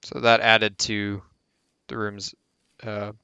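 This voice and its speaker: Low, smooth-voiced man explaining a game. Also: level tone, slow pace, pushed and bright, no room sound. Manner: rambling, corrects himself mid-sentence. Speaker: game tutorial host. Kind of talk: casual gameplay tutorial commentary.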